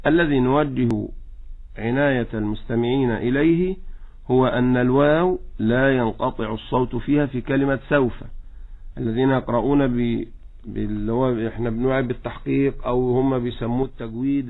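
A man with an Egyptian accent teaching Quran recitation in a radio lesson, slowly demonstrating each example. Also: medium pitch. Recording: tinny phone-like radio line.

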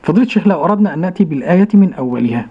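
A man hosts a religious program and moves things along briskly, questioning his guest and then slowly repeating each example word. His voice sits a little high, and the recording is dull and lo-fi. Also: animated, breathy edge. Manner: quick questions, slow careful repetition. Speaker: program host. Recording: dull lo-fi broadcast sound.

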